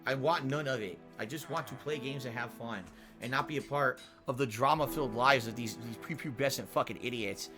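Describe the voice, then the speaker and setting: Over music, a man with a mid-range voice talks a little fast as he streams a game. Frustrated, he swears heavily and keeps repeating himself as he reads viewer tips aloud in casual live-stream chatter.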